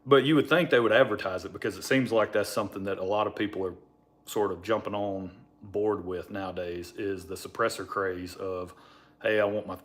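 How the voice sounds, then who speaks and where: Man, fairly low pitch, mumbled marbles-in-mouth diction, rambling, informal livestream chat. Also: steady tone, a little fast. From Alabama, United States. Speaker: livestream host.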